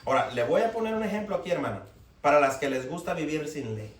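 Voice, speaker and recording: A man's voice: a little high, lively intonation, quick pace. A man preaching a sermon, firing rhetorical questions at the congregation. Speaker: pastor. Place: church hall. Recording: echoey room, mic far off, faint noise.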